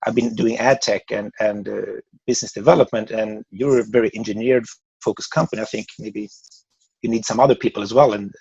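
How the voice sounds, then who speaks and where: A fairly low, steady, darkish male voice with a breathy edge moves at a fairly quick pace. He's a Swedish-accented podcast guest in his forties from Sweden, rambling through casual interview chat and often restarting words, recorded with no echo and dull audio.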